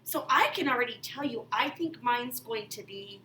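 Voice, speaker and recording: This female math teacher sounds animated and bright, her fairly high voice pushed and moving at normal speed as she demonstrates a game for kids. She explains each step with over-the-top exclamations, kids'-show style, in an echoey room captured by a far-off mic with slight noise.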